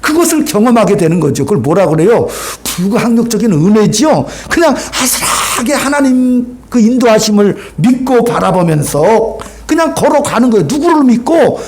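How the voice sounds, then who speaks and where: High-voiced animated Korean pastor preaching. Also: male voice, moderate pace. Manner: animated, acts out dialogue, asks the congregation questions. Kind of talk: sermon. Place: church sanctuary.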